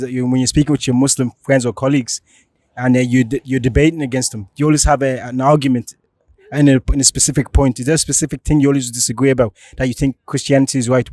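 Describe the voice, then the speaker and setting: Male street interviewer, casual and quick, average pitch, dry close sound. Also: steady tone, darkish tone, no echo.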